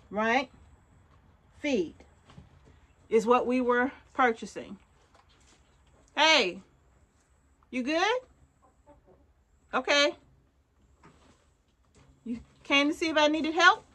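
A woman's voice: high voice, a bit bright. A middle-aged woman, chatting casually to viewers as she shows around her barn, checking in with them often. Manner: chatty, addresses viewers directly with frequent check-ins. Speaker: homesteader vlogger. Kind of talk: casual show-and-tell vlog. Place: open wooden barn outdoors. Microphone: phone at arm's length.

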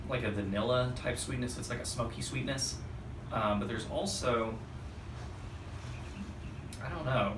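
A man in his thirties talks through a review in a slightly low, subdued voice. The delivery is casual and unhurried by any script. He is outdoors on a balcony, a little way from the mic, with clear background noise. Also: reverberant, recorded from a distance. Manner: low-key, keeping his voice down. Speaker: pipe tobacco reviewer. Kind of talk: casual unscripted product review.

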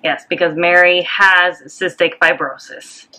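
A woman's voice: on the low side, fairly even intonation, measured pace, sharp tone. A woman co-hosting a vlog in casual chat, upbeat and teasing. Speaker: channel co-host.

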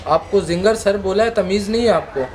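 A man's voice: sits high, normal speed, background noise. A man keeps pressing his simple order. He sounds irritated and stubborn toward the waiter. Faint ambience runs behind him. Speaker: restaurant customer in a prank.

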